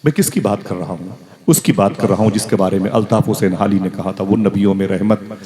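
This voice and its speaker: A man's voice: lowish voice, fast. Dramatic male preacher with a crowd. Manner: dramatic, calls for crowd responses. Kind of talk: emotional Islamic sermon storytelling. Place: live religious gathering. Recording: crowd noise at a live gathering.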